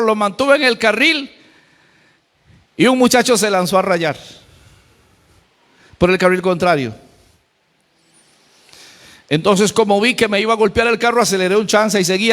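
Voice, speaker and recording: A man's voice: high-pitched, a bit bright. A male pastor with a Costa Rican accent preaching a sermon, colloquial and humorous with emphatic storytelling. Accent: Costa Rican Spanish. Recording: church hall with long reverb.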